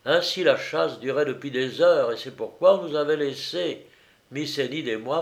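Guy narrating an old adventure book, dramatic, middle pitch. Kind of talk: dramatic audiobook reading.

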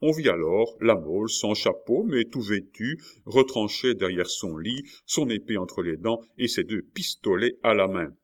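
A man narrating a novel as an audiobook reader, in a steady, measured way. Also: lowish voice.

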